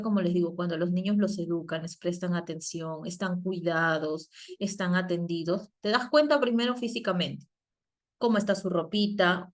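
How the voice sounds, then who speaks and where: A Peruvian woman teaches an online class over a video call. She often turns to her students with questions and fills her talk with fillers and tag questions, keeping the tone conversational. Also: fairly low pitch. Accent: Peruvian Spanish. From Peru. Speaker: psychologist and teacher. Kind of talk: virtual class lecture.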